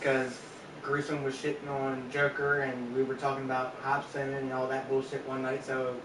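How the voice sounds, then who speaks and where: A man's voice: mid-range voice, completely flat delivery, moderate pace. A man co-hosting a casual podcast at home, laid-back and blunt, swearing now and then. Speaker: podcast co-host. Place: home room. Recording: roomy sound, distant mic, faint noise.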